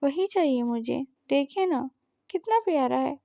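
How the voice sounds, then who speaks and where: An innocent, mischievous young wife who pleads and sulks like a child, voiced by a woman reading a story. The voice is high with a gravelly edge. It comes through a slightly dull, lo-fi recording. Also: animated, no room sound. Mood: petulant. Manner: pleading, petulant and teasing.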